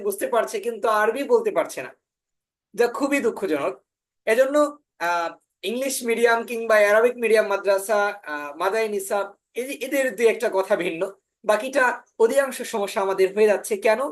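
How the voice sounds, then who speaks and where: A woman from Bangladesh, working as a spoken English teacher, gives an orientation lecture online in a fairly high-pitched voice. She leans on "ah" fillers and says words slowly, over again, to model pronunciation.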